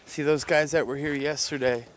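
A man's voice: a little high, steady tone, normal speed, noisy background. A man vlogging at a forest campsite on a handheld camera, talking in an easygoing, rambling way. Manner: laid-back, rambling, easygoing. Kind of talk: casual chat.

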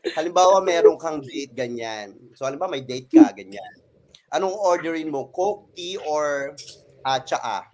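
A man in casual panel banter, campy and teasing, breaking into loud laughs. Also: on the high side, animated, unhurried.

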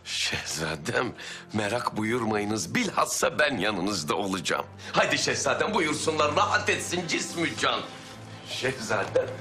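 A man's voice: mid-range voice, measured pace. A young man acting as a deferential palace servant who coaxes and fusses in a courtly period drama manner. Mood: coaxing. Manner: coaxing, courtly, animated. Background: music.

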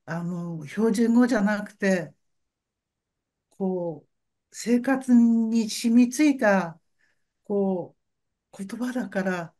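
A woman author answering questions in an online talk, speaking softly and thoughtfully over a video call. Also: medium pitch. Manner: slow, soft, thoughtful.

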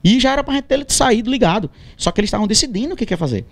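A man's voice: high voice, racing, creaky. A male singer, telling a story in a casual interview, acting out dialogue and repeating phrases as he goes. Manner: animated, acts out quoted dialogue, stammers and repeats phrases.

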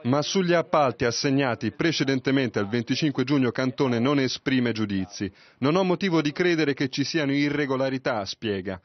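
A man narrating a news report in a crisp, even, scripted delivery. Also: medium pitch, moderate pace, few pauses, muffled recording.

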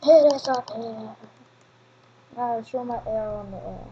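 A woman with a fairly high voice talks her way through a video game, mumbling to herself one moment and yelling at other players the next. She takes her time between remarks. Her mic sounds dull and lo-fi, with a faint hiss behind her. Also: unhurried. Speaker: gaming commentator. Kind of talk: solo Minecraft gameplay commentary.

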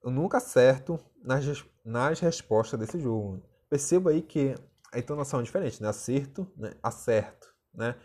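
Young male teacher, husky mid-pitched voice, chatty video-lesson delivery full of tag questions. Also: expressive, fairly quick, darkish tone.

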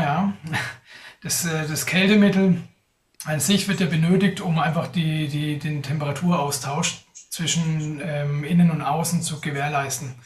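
A young man with a fairly high voice answers audience questions on a live video call, sounding thoughtful and hesitating a lot. He's indoors in front of a sponsor backdrop, far from the mic, so the sound is roomy and off-mic.

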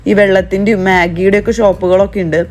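A woman's voice: medium pitch, flat delivery, fast talker, rough recording. Chatty young woman vlogging outdoors. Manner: chatty, mixes in English phrases, addresses viewers as guys. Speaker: travel vlogger. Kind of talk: casual travel vlog narration. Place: outdoors on a forest trail by a waterfall. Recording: background music under the voice.

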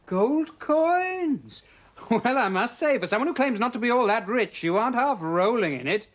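A performer playing a swaggering highwayman. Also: lively intonation, normal speed, close to an everyday voice. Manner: swaggering, teasing. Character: bluff Northern male highwayman, cheeky. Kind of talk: children's TV comedy acting.

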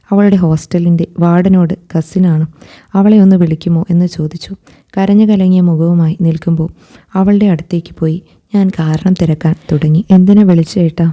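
A woman narrating a first-person story in a calm, even reading. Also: lowish voice.

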